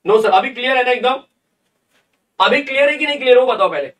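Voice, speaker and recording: A man's voice: very high voice, quick pace, a bit bright. A man, a chemistry teacher in a live online lesson, playful and chatty, calling his students kids. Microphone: desk mic on a livestream. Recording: distant, somewhat echoey livestream sound.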